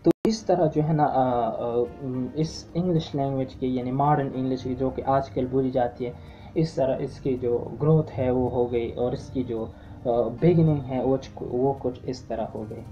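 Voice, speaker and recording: A woman giving a lecture-style lesson, hesitant, often pausing on filler sounds and restarting her phrases. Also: extremely low pitch, dark tone. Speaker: teacher. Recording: dull lo-fi with faint music.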